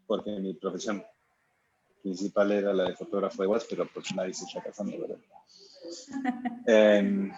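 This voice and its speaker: A man from Argentina introducing himself casually on a video call, relaxed and chatty. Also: fairly low pitch, breathy edge, highs cut off. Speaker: class participant.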